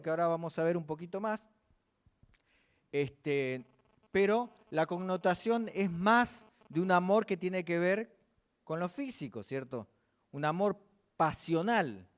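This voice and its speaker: Questioning Argentine preacher, fairly high voice. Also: male voice. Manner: asks the congregation questions and answers them. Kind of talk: church sermon with slides.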